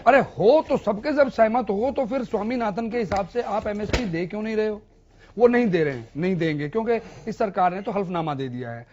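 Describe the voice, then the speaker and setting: A man's voice: high-pitched, lively intonation, fairly quick, darkish tone, highs cut off, slight background noise. A man speaking as a political analyst on a TV debate, emphatic and explaining with examples. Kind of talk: TV news debate.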